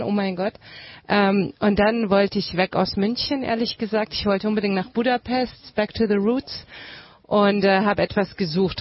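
A chatty woman in her thirties, from Germany, telling her story as a radio guest with easy warmth in her talk. Her speech is lively and quick to laugh, and the recording sounds dull and lo-fi. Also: mid-range voice, no room sound. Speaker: guest, former graduate. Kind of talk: conversational interview answers.

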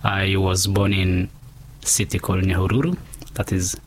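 A man, a guest in a casual interview, telling his story in an unhurried, reflective way. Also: low-pitched, little pitch movement, slight background noise. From Kenya.

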